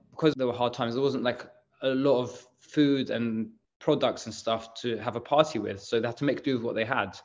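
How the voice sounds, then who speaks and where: A man's voice: mid-range voice, muffled recording. A man, talking casually in an interview and explaining things in a rambling way with lots of fillers. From England. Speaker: bakery managing director.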